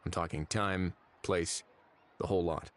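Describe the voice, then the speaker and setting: A man's voice: low-pitched, steady tone, unhurried, a little hiss or hum. An actor voicing a composed, authoritative male investigator in a video game.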